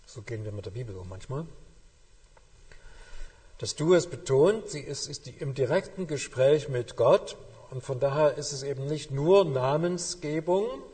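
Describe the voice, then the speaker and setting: A man preaching a sermon, with emphatic, slow, weighty phrasing that drops to hushed endings. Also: mid-range voice, lively intonation, breathy edge. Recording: long hall reverb.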